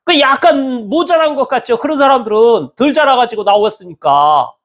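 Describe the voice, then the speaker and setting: A male pastor preaching a sermon in a church, animated and acting out the voices of people he quotes. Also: very high-pitched, moderate pace. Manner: animated, acts out quoted speech with lively swings in tone.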